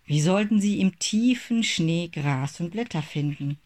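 A narrator reading a children's Christmas story aloud in a measured, expressive way. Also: medium pitch.

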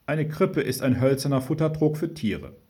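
A man's voice: a little high, expressive, moderate pace, mellow, voice pushed up, lightly acted. A man voicing a patient mother who explains the nativity story to unruly children. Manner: patient explaining, tired sighs.

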